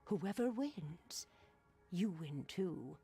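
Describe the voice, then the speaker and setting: A woman playing a knowing, mysterious fortune teller in a video game, speaking theatrically in a breathy, raspy half-whisper. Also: lowish voice, lively intonation, warm tone, faint music behind, exaggerated voice. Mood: ominous, prophetic. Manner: theatrical fortune-teller delivery, cryptic and drawn-out. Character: mysterious old-fashioned female fortune teller, knowing and cryptic. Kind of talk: dramatic video game voice acting.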